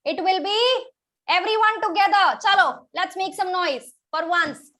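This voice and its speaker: In a very high, sharp-toned voice, a woman with an Indian accent hurries her pupils through an online children's maths lesson, adding the occasional Hindi interjection.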